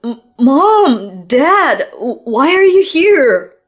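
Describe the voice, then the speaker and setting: A woman's voice: on the high side, animated, slow pace. A woman voicing a cornered cheating husband who stammers and begs. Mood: desperate. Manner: stammering, begging.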